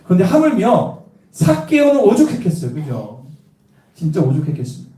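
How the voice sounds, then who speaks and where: Here a man's high, brisk voice belongs to a middle-aged pastor from Cheongju, South Korea, giving an evangelistic sermon. He quizzes his listeners and tells personal stories with humor in a lively manner, recorded at a distance in an echoey church sanctuary.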